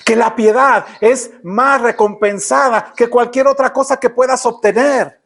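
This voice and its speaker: A man's voice: extremely high pitch, fairly even intonation, measured pace, fairly bright tone. A man with a Mexican Spanish accent preaching a sermon in church, often asking the congregation rhetorical questions. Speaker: pastor.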